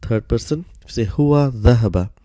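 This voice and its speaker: A man explaining grammar step by step in a recorded lesson, patient and steady, often starting sentences with "so" and pausing on "uh.". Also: medium pitch, no echo, clean studio sound. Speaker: Arabic grammar teacher.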